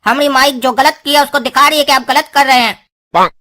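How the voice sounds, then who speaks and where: A woman's voice: high voice, normal speed, pushed and bright. A woman voicing a beardless young husband in a cartoon, pleading and lecturing. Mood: scolding. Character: beardless young husband caught between wife and mother.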